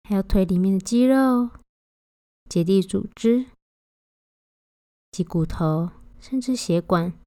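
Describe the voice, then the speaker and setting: A woman guiding a body-scan meditation, giving gentle, unhurried instructions with long pauses between phrases. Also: mid-range voice, dry recording, studio quality. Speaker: meditation guide.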